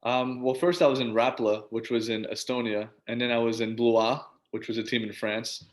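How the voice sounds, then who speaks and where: This is a man in his twenties with a mid-range voice, speaking at a moderate pace with flat delivery. He's an interview guest, a professional basketball player and coach, chatting casually in an informal, agreeable way.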